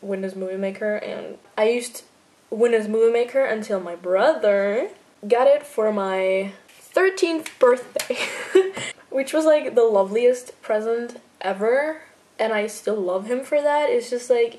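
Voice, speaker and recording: A fan video editor from Austria, a native German speaker, chats through viewer questions in a relaxed Q&A vlog. Her voice is a little high and a little mellow, animated yet unhurried, packed with fillers, especially "like," and quick to laugh.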